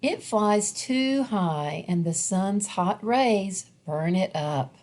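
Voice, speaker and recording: Reading a picture book for children, this storyteller uses a mid-range voice and a deliberate, expressive delivery.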